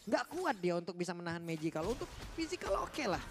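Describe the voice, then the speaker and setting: An esports commentator calling live play in an animated, dramatic way with casual asides. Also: mid-range voice, quick pace, noisy background.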